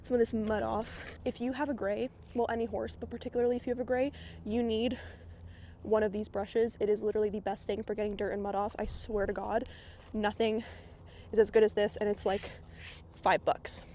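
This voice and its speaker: A woman's warm mid-range voice comes through flat and a little fast as she vlogs while grooming her horse outdoors at a barn. She's out of breath and chats in a rambling, filler-heavy way, with a little hiss or hum in the audio.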